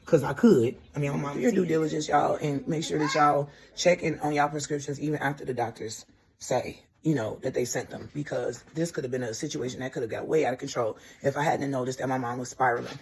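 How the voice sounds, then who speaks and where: A woman's voice: extremely low pitch, fairly even intonation, a little fast, darkish tone, a little hiss or hum, low-quality recording. A woman vlogger talking casually and directly to her viewers, chatty and candid. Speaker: vlogger host. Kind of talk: casual chat to camera.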